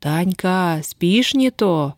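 Женщина читает реплики сердитой, резкой на язык молодой крестьянки, ругающейся простонародной речью. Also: female voice, mid-range voice, expressive, unhurried, no room sound, close to an everyday voice. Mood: grim. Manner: gruff, scolding, folk speech. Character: grim, sharp-tongued young peasant woman, bound.

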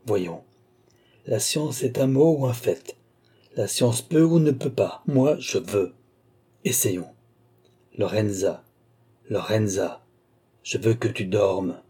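A man's voice: fairly low pitch, takes it slowly, long pauses, dark tone, breathy edge. A man voicing a feverish, obsessive male sorcerer who speaks in intense, willful incantations. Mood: commanding.

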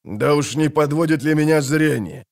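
Pompous loud knight baron, a guy doing the voice, higher and slow, booming. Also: creaky. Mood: astonished. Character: blustering mustached male knight, baron.

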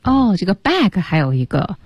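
A woman's voice: mid-range voice, big pitch swings, normal speed, darkish tone, breathy edge, dry recording. A woman co-hosting a radio English lesson, drilling stress and linking by repeating words and phrases. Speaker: English teacher, radio co-host.

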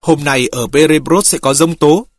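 A reader voicing a disapproving old village woman who speaks curtly, in a husky voice. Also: medium pitch, moderate pace, no room sound, clean studio sound, close to an everyday voice. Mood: grumbling. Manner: curt and disapproving.

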